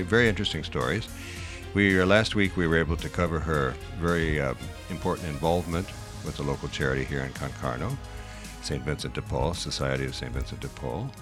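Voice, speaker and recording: A man hosting a radio interview, with a chatty, conversational way of talking. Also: a bass voice. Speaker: radio host. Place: radio studio.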